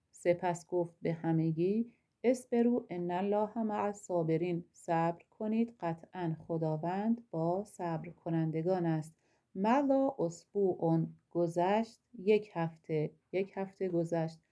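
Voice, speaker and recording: Woman teaching Arabic with a dark, mellow voice. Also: fairly low pitch, highs cut off. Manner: reads each Arabic phrase slowly, then translates and explains it. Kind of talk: reading and translating an Arabic text line by line.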